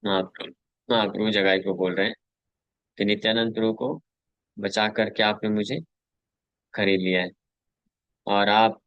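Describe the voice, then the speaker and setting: Low-voiced man telling scripture stories. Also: a little slow, pauses often, no echo, lo-fi sound. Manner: animated storyteller who acts out quotes; chuckles between points. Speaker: devotional teacher. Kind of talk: scripture storytelling class.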